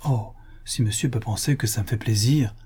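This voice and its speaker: A man's voice: medium pitch, normal speed, warm tone, breathy edge. A man reading an audiobook, voicing a shy, loyal old valet who speaks timidly and respectfully.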